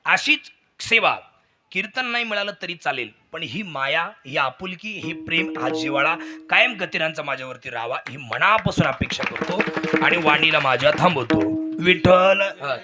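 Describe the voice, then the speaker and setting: A man's voice: fairly high pitch, lively intonation, normal speed, over loud music. A man giving a humble, folksy thank-you speech at the close of a devotional kirtan, often asking the crowd to agree with him. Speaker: kirtan performer.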